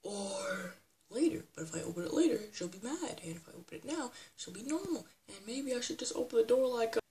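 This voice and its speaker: A woman voicing an excitable young male hero who leads a team, talking fast and awkwardly in a homemade toy play. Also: on the high side, a little hiss or hum. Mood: eager.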